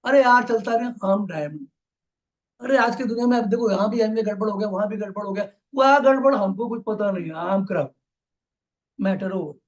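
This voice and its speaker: A man's voice: high-pitched, brisk, muffled recording. A man with an Indian accent giving a motivational business talk, emphatic and repetitive, often dropping into English phrases. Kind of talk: motivational speech.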